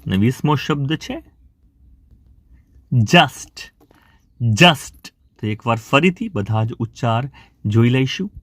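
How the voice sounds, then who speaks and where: A man's voice: medium pitch, lively intonation, no echo. A male teacher with a Gujarati accent running a beginner English vocabulary lesson. He says each word aloud several times and counts down the practice time. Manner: repeats each word slowly and loudly, counts down.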